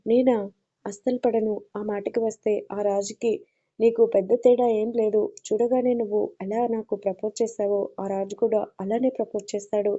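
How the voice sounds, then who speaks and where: A woman voicing a fiery, independent young woman who answers with sharp, defiant retorts in an audio story. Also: medium pitch, steady tone, moderate pace, muffled recording, natural voice.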